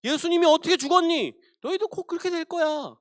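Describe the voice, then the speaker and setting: A man's voice: extremely high pitch, quick pace, a bit bright, no room sound, studio quality, pitched above the performer's own voice. A man voicing a scheming male devil who taunts frightened believers in a sermon. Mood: taunting. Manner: taunting, sneering.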